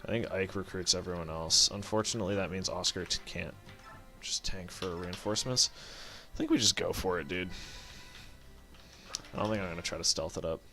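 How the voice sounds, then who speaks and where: A man with a low voice full of gravelly fry, giving loose let's play commentary. His tone is bright and forceful as he rambles, corrects himself mid-sentence and swears offhand. Faint game music sits behind him. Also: fairly quick, long pauses. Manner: thinks aloud, rambling and self-correcting, swears casually. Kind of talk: casual gameplay commentary.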